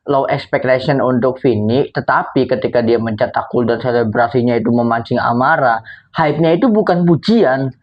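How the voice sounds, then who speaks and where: A man's voice: medium pitch, normal speed. Chatty football guy, laughs a lot, says stuff like ibaratnya, kinda dull mic. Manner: chatty, agreeing, laughs often, slangy fillers. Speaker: football podcast co-host. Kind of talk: casual football chat.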